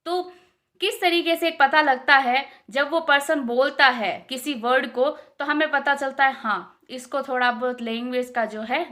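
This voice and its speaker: A woman with an Indian accent teaching English pronunciation, repeating each word slowly several times. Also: high-pitched, pushed and bright. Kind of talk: casual spoken lesson.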